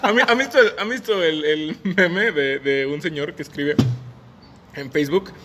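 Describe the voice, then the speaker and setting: A man's voice: fairly high pitch, normal speed, background noise. A young Mexican man with a Mexican Spanish accent, co-hosting a podcast, laughing often and teasing in slangy chat. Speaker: podcast co-host. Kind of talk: casual podcast banter.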